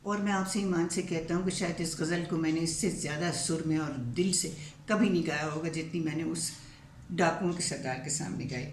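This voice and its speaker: An older woman narrates a story in first person, measured and dramatic with drawn-out pauses. Her voice sits low. The room is echoey with a faint hiss behind her. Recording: roomy echo, faint background hiss.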